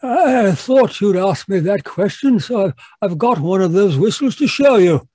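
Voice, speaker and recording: An actor playing a genial gentleman doctor, the loyal sidekick who narrates an old radio mystery. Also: sits high, animated, measured pace, husky, dry recording, studio quality, full character voice. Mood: genial storytelling.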